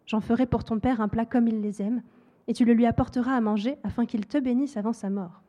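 A woman's voice: a little high, steady tone, a little fast, dark tone, highs cut off, natural voice. A woman voicing a scheming mother who gives firm, direct orders.

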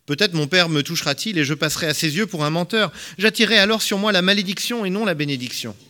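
A man's voice: high-pitched, lively intonation, fast, sharp tone, pitched above the performer's own voice. A man voicing an anxious younger son in a scripture reading, replying plainly and earnestly.

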